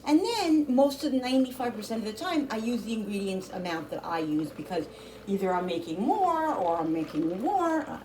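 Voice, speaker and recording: A woman's voice: medium pitch, background noise. A middle-aged woman hosting a home cooking channel, chatting casually as she cooks, rambling with lots of restarts. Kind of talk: casual chat while cooking.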